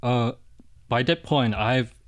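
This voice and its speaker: Speaking slowly at a medium pitch, this middle-aged monk from Indonesia responds to an interviewer in a soft, hesitant way, frequently starting over.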